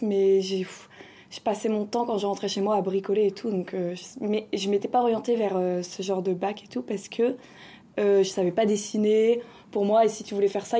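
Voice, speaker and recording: A woman's voice: medium pitch, mellow. A woman in her twenties, from Switzerland, recounting her path as a podcast guest in a hesitant, thoughtful way with many fillers. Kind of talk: casual podcast conversation.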